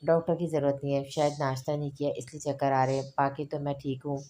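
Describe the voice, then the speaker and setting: Brief: pouting young wife, read by a woman, pleading and sulky, low even voice. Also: quick pace, a little hiss or hum. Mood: upset.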